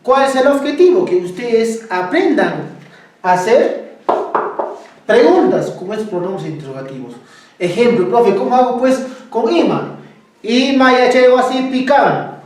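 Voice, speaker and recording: A woman's voice: on the high side, expressive, a little slow, darkish tone, far from the mic. A woman teaching a language lesson, asking her students questions and coaxing answers from them. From Cusco, Peru. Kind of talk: classroom lesson. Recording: very echoey room, voice from off the mic.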